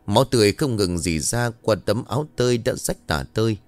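Low-voiced male horror narrator. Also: lively intonation, darkish tone, no room sound, faint music behind. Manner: slow, dramatic storytelling. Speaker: storyteller.

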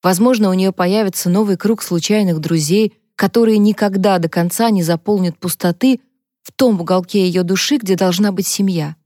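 A woman narrating an audiobook novel in a calm, measured way. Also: medium pitch, no room sound, studio quality. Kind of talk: scripted narration.

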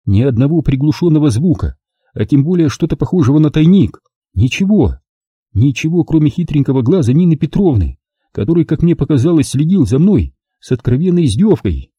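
Guy reading a novel aloud, lively pitch, kinda higher voice. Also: fairly quick, slightly rough, dry recording. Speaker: audiobook reader. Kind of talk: first-person audiobook narration.

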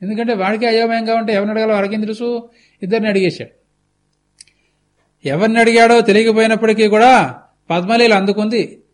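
A man's voice: high-pitched, fairly even intonation, fairly quick, pauses often. A man giving a televised religious discourse, retelling a scripture story with explanatory asides and a conversational touch. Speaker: spiritual discourse speaker.

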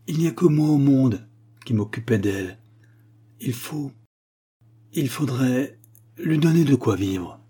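A man reading aloud, voicing a weary, remorseful dying father who dictates in a halting, pleading way. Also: medium pitch, animated, warm tone, breathy edge, voice pushed up.

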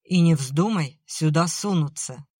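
A stern middle-aged uncle, read by a woman narrator, shouting and scolding in fury. The voice stays fairly low, close to the reader's own. The recording is dry and close, with no room sound. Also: a little slow, breathy edge, no echo. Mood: furious.

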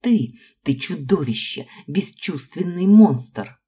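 A woman reading the part of a jealous, furious young woman who hisses through her teeth and breaks into shouts. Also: rumbling low, lively intonation, measured pace, husky, heavily acted. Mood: accusing.

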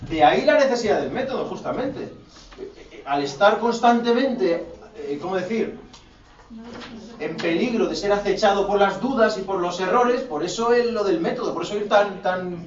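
Male philosophy teacher, Spain Spanish accent, higher voice. Rhetorical, colloquial, needles his students. Classroom echo, picked up from a distance. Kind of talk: classroom lecture. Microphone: distant room mic. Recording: echoey, dull classroom audio from far off.

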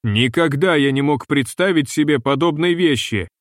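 A man reading the part of a fussy, gloomy ship's purser who speaks slowly and mournfully, in a dry recording. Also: a little high, dry recording, lightly acted. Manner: slow, mournful and long-winded.

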